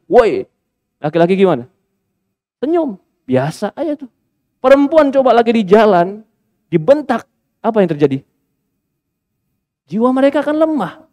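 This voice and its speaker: Male preacher giving a lecture, high pitched and dry, forceful emphasis. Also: dry recording. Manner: emphatic, with rhetorical questions and exclamations. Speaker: Islamic preacher. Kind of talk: religious study lecture.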